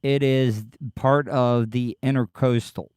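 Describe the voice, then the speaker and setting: A man hosting a casual livestream, talking haltingly and defensively with profanity, his speech slightly slurred as if his lip is full of dip. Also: mid-range voice, steady tone, darkish tone, clear, resonant tone, dry recording, clean studio sound. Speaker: podcast livestream host. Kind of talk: casual livestream chat, answering live commenters.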